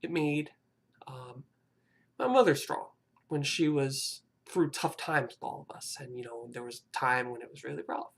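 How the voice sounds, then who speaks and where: 20ish vlogger rambling + apologizing, kinda husky, voice jumps around a lot. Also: medium pitch, lively intonation, normal speed, a bit bright. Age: about 20. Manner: hesitant and apologetic, many fillers and restarts. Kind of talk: rambling personal confession to camera.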